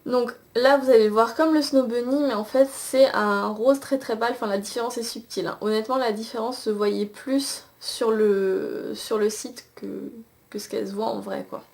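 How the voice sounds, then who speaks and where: Speaking at normal speed in a slightly high, somewhat mellow voice with fairly even intonation, a young woman does a casual eyeshadow review with swatches. She's a chatty beauty vlogger recording on a camcorder mic, often restarting and using fillers.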